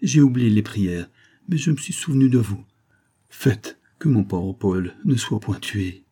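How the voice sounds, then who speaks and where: A man's voice: on the low side, lively intonation, a little slow, mellow, husky. A man voicing a passionate, devoted young Parisian woman in an audiobook, tender and pleading. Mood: praying.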